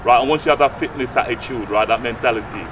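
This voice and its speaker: A fast-talking man with a medium-pitched voice, a Guyanese youth fitness coach and community mentor in his late 60s, gives a casual interview, speaking earnestly, repeating points and often tagging on "right?" He's outdoors by brick flats on an urban street, a handheld mic held at his chest, and clear street noise reaches the distant mic.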